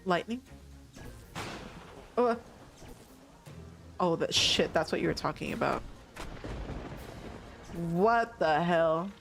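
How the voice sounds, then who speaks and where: Faint music accompanies this casual gaming livestream, where a young woman from the United States talks with viewers, cursing occasionally and laughing a lot. She speaks slowly in a fairly low, gravelly voice, pausing often.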